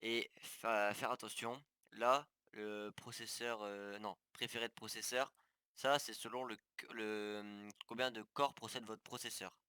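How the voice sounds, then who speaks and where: A gaming tutorial YouTuber talks viewers through the settings on screen one step at a time, in a casual screen-recorded walkthrough full of fillers and restarts. His voice sits on the low side, with fairly even intonation and a measured pace. The tone is pushed, bright, clear and resonant, with no echo.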